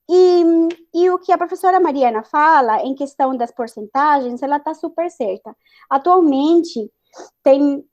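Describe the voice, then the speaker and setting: A high-pitched, slightly mellow female voice comes through dull video-call audio. She is a native Spanish speaker talking in Spanish-accented Portuguese as a scientist guest on an online panel, earnest but full of hesitations and restarts.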